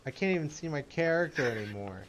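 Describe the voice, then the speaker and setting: A man's voice: on the high side, lively intonation, quick pace, very noisy. A young man streaming and chatting casually with friends over voice chat, joking and playfully indignant.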